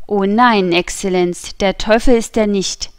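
A woman's voice: mid-range voice, steady tone, unhurried, clear, resonant tone, no echo, natural voice. A woman reading the part of a servile, gossipy male innkeeper who chatters eagerly to a nobleman, in a dry audiobook recording.

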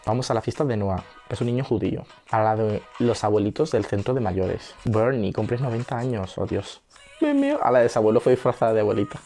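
A young man with a Spain Spanish accent giving chatty reaction commentary, now and then breaking into high squeals and gasps. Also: fast, hardly any pauses, mellow, soft background music. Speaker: video reactor.

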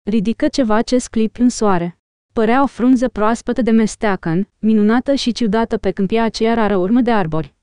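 A woman narrating an audiobook as scripted narration, reading in a measured, even way. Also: fairly high pitch, smooth, no echo, studio quality.

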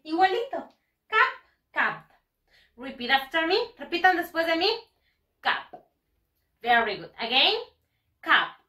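A woman teaching English to first graders in a bilingual lesson, slow and exaggerated, patiently repeating words for the children to copy. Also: high voice, pushed and bright, distant mic. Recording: echoey room, speaking away from the mic.

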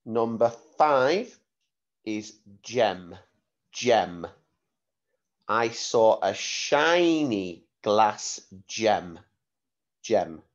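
Acting as a primary school teacher, a man with a lowish, animated voice dictates spelling words slowly and deliberately, saying each again and spelling it out letter by letter. The audio sounds dull.

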